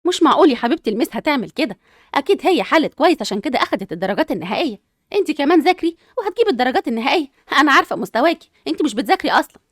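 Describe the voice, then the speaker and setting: A woman's voice: high voice, sing-song, rapid-fire, no echo, studio quality. A woman with an Egyptian accent playing a cheerful, doting mother who talks in a bubbly way.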